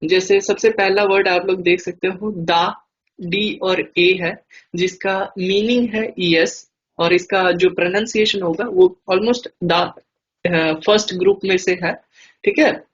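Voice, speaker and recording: A man's voice: high-pitched, steady tone, slow. Patient male language teacher, lo-fi. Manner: patient, explanatory, frequent hesitation fillers. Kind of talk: online class explanation.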